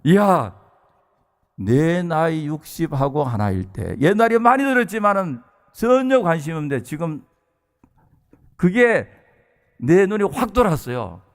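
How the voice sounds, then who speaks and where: A South Korean man in his early sixties preaches to his congregation as their pastor, speaking to them directly with earnest emphasis. His voice sits on the high side and swings widely in pitch, and he takes his time with long pauses.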